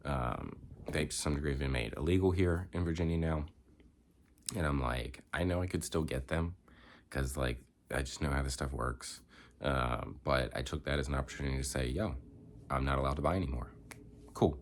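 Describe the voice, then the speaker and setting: A man's voice: a bass voice, slight background noise. A young man, congested, rambling reflectively in a candid personal vlog with many filler words. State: congested, coughing. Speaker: vlogger.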